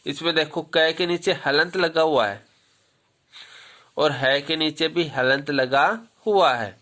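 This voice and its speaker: Teacher, male, bright forceful delivery; poses questions and answers them, repeats points for pupils. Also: fairly high pitch. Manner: asks a question, then answers it himself; repeats key points; tells pupils to remember. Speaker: Hindi grammar teacher. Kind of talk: classroom lesson with questions to pupils.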